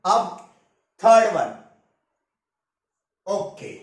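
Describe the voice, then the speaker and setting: A man's voice: high-pitched, big pitch swings, drawn-out words. A man teaching a maths lecture step by step, often stopping to check that students follow. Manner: explains step by step, asks checking questions. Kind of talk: classroom lecture. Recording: echoey room, distant mic.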